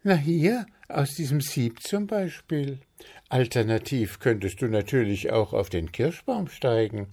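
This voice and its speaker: A man's voice: fairly high pitch, expressive, a little fast, hardly any pauses, darkish tone, pitched above the performer's own voice, lightly acted. A man voicing a frank, chatty little male bird in a storybook reading. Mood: chirpy.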